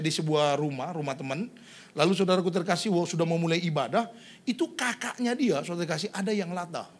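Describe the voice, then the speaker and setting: A middle-aged male pastor preaching a sermon, constantly addressing the congregation and breaking into sudden loud bursts. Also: sits high, breathy edge.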